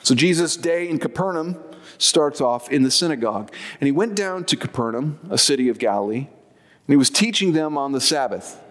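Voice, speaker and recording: Conversational preacher in a reverberant hall. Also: male voice, on the high side, animated, moderate pace, fairly bright tone. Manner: conversational, explanatory preaching with asides. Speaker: pastor. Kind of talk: sermon.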